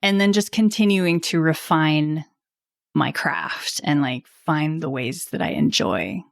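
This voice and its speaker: A woman's voice: deep voice, a little slow, gravelly, no echo. Woman copywriter guest, dry close sound. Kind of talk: casual interview chat. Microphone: video call.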